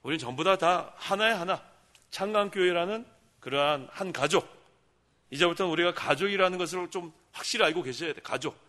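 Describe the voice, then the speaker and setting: Bright-voiced male pastor preaching. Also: high voice, a little fast. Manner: conversational preaching, asking the congregation questions and answering them. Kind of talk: sermon. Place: church sanctuary.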